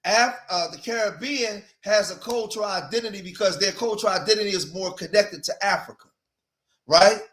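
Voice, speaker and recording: A fairly high-pitched man in his forties with an East Coast accent hosts a casual livestream. He talks straight to his viewers and circles back on his own phrases for emphasis. The echoey room rings around him. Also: brisk, a bit bright. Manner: talks to his viewers, repeats phrases to drive points home. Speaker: livestream host.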